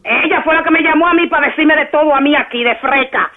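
A woman's voice: high voice, fast talker, phone-quality sound. A woman with a Dominican accent on a prank call, arguing heatedly, cursing and hurling insults. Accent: Dominican Spanish. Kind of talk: heated phone argument.

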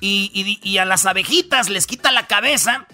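A man's voice: sits high, moderate pace, pushed and bright, soft background music. A man with a Mexican accent hosting a radio comedy show, telling news stories in casual slangy banter full of fillers. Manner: slangy, storytelling, lots of fillers.

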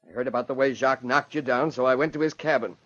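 A man's voice: mid-range voice, quick pace, fairly bright tone, natural voice. A man playing a troubled, earnest frontiersman. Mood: grave. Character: troubled young frontier brother confessing. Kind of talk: 1950s radio drama. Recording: dull old radio broadcast.

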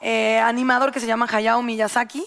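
Mexican woman panelist, high voice, eager casual chatter. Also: flat delivery, moderate pace, fairly bright tone. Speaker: talk show panelist. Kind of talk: casual chat.

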